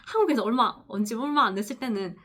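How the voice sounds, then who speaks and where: A woman's voice: fairly high pitch, fast, a bit bright. A woman chats to the camera in a casual vlog about her work as a nurse. She tells long stories, laughs often and acts out the people she quotes. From Busan, South Korea. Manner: chatty storytelling, laughing often, acting out quotes. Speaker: nurse vlogger. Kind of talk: casual talking-head vlog.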